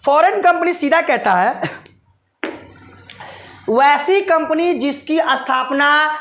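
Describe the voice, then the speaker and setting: A woman teaches a commerce class in a high, bright voice. She fondly addresses her listeners as children. She keeps firing quick questions at them and answering them herself. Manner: quizzes students with repeated rhetorical questions. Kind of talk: explanatory class lesson.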